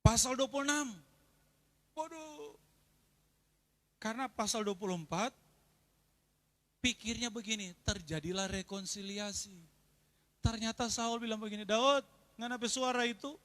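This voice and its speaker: List: man, pastor, sermon, animated, calls on the congregation, bright tone. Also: high-pitched, measured pace, long pauses. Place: church service.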